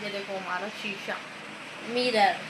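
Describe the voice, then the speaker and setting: A woman vlogger chatting to her phone camera in a rambling, casual way. She keeps calling her viewers guys and speaks softly because her mouth is sore. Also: medium pitch, fairly even intonation, takes it slowly, background noise. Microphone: phone camera filming herself.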